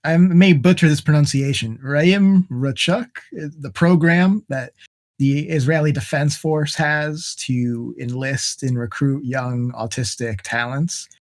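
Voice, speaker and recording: A man's voice: fairly high pitch, steady tone, slow. Joking male podcast host. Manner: joking, laughs often. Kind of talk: casual podcast chat. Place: home in Massachusetts.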